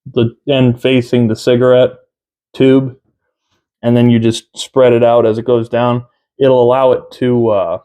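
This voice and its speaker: A man in his thirties giving a casual review to camera, unhurried and halting, often pausing mid-sentence. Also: mid-range voice, dark tone. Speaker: tobacco reviewer. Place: small room at home, indoors.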